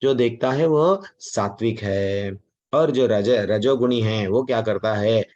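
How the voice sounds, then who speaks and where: A man's voice: lowish voice, slow, darkish tone. Man giving a casual Gita class. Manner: conversational, mixing English words, acting out quoted voices. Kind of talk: devotional Gita class talk. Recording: dull lo-fi recording.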